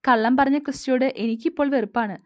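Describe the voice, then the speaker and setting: A sharp, demanding young woman, read by a woman in an audio story, pressing coldly for the truth. Her voice is fairly high, and the recording is dry and close-miked. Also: steady tone, racing, no echo, lightly acted. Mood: accusing. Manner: cold, pressing questions.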